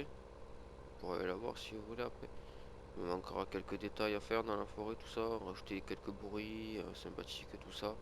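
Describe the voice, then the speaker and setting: Sniffling from a cold, this male gaming creator chats loosely through his farming game, full of fillers and false starts. His voice sits fairly low and sounds gravelly, with noise audible behind him.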